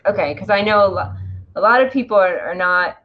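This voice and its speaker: A woman's voice: mid-range voice, fairly quick, crowd noise. A woman co-hosting a casual interview, asking hesitant questions full of fillers and restarts. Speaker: podcast co-host. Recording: dull lo-fi recording.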